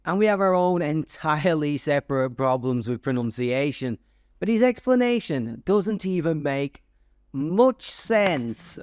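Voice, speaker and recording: Male vlogger, a touch high-pitched, dry and close, tongue-in-cheek indignation. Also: smooth, no echo. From Yorkshire, England. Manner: mock-exasperated, playful. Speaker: movie review vlogger.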